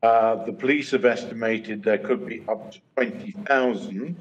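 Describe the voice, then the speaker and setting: An older British man on a video call, speaking as a panelist in a measured way, with many pauses and fillers. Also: lowish voice, husky. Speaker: trade association chairman, panelist. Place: home study, indoors. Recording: muffled video-call audio.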